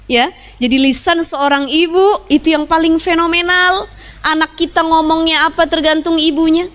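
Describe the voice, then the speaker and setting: A young woman preacher talks to a hall of mothers in a high, bright voice. She jokes, laughs and slips into little impressions of the people in her stories, then eases back into earnest advice. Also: steady tone, moderate pace. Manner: chatty, joking, laughs often; acts out quoted voices. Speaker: Islamic preacher. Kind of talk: sermon to a women's gathering.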